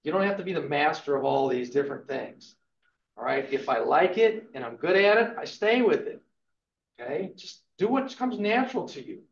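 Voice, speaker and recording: A man's voice: on the high side, expressive, moderate pace. A man in his fifties giving an emphatic, motivational real estate lecture to a live class, punctuating points with "okay". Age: 50s. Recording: echoey room, dull lo-fi sound.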